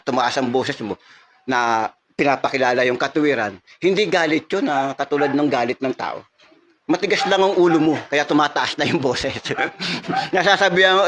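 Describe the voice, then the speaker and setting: Earnest male preacher, slightly higher voice. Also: a bit bright, slight background noise. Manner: earnest, rising into emphatic teaching. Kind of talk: sermon.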